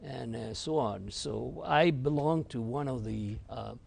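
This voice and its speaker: Gravelly rabbi telling his story. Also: medium pitch, a little slow, a little mellow. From Argentina. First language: French. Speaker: rabbi, interview guest. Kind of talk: reflective storytelling.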